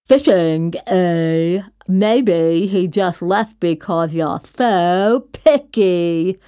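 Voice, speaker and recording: A woman's voice: on the low side, very slow, dark tone, clear, resonant tone, no room sound, clean studio sound, pitched below the performer's own voice. A woman voicing a big, scruffy, pushy male monster in a storybook, with a slurpy, grumbling delivery. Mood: whiny, warning. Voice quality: slurpy, slobbery. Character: Mac, big scruffy slobbering boy monster, pushy, whiny.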